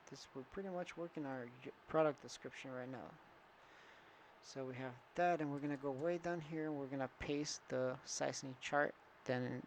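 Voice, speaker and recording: A man walks through setting up an online store in a casual tutorial recorded on a computer with a screen recorder and camera. He thinks aloud with fillers and restarts, his mid-range voice caught on a rough recording with slight background noise.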